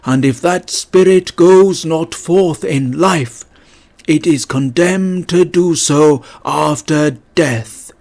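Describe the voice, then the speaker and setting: A doomed ghost from a storybook, mournful and declamatory. Every word is stretched very slowly in a raised, wailing pitch, like a dead businessman lamenting his fate. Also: creaky, a little mellow, exaggerated voice. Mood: doomful, wailing. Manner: slow, drawn-out, wailing declamation.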